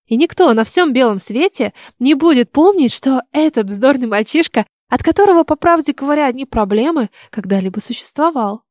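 A woman's voice: fairly high pitch, a little mellow, no echo, clean studio sound, lightly acted. A woman reading the lines of a cruel, cunning old witch in an audiobook, speaking in a coaxing, menacing way.

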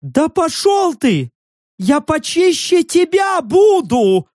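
A shrill, jumpy furry beast-man yelps and squeals his defenses, high-pitched and slow, dragging out his words, as a man puts him on. The voice is dry and close, with no room around it, in the manner of an audiobook. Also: sing-song, dry recording, heavily acted. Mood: yelping, defensive. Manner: high yelping, defensive shouting. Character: jittery furry male beast-man, loud and touchy.

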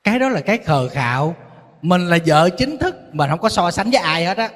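A man, a Buddhist monk with a Southern Vietnamese accent, giving a sermon full of lively stories and acted-out quoted voices. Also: sits high, fairly quick. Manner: storytelling, acting out quoted voices, teasing. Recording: long hall reverb.

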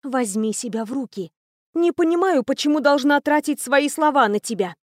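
A woman reading aloud, voicing a proud young captive princess whose voice is hoarse and weak. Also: high-pitched, animated, normal speed, no echo, studio quality, pitched above the performer's own voice. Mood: irritated.

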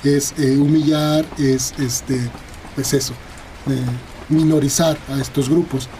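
Mexican guy, linguist guest, kinda high voice, lots of "eh" and "no?", faint hiss behind. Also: flat delivery, slow pace, warm tone. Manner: hesitant, many fillers and tag questions. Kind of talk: explanatory interview talk.

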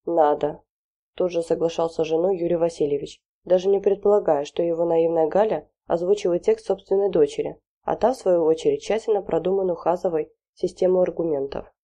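Woman reading a story aloud, wry and measured, deep mellow voice. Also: dull audio. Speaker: audiobook narrator. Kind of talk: scripted narration.

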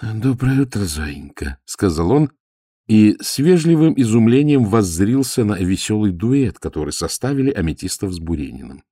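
A man's voice: lowish voice, very animated, normal speed, warm tone, dry recording, clean studio sound. A man reading an audiobook, narrating expressively. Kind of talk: scripted narration.

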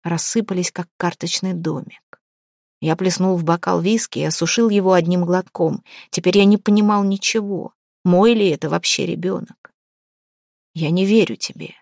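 A woman's voice: fairly low pitch, steady tone, normal speed, vocal fry, a little mellow, no echo, clean studio sound. A woman reading a first-person novel aloud as an audiobook narrator, acting out the dialogue with drama. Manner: dramatic reading, voicing the quoted lines. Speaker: audiobook reader.

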